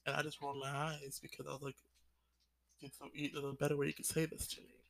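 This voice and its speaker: A man's voice: fairly high pitch, completely flat delivery, fast talker, gravelly, a little hiss or hum. A twenty-year-old man talking in a confessional vlog, rambling with lots of "like" fillers and sighs. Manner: rambling, full of "like" fillers, sighing. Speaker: vlogger.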